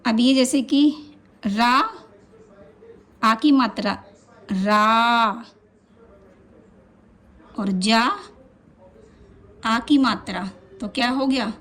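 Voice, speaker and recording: A woman teaching a beginner spelling lesson, speaking at a very slow, deliberate pace. She draws each syllable out for practice and keeps asking the viewer what a word becomes. Her voice sits slightly high. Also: a bit bright. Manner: asks questions to the viewer.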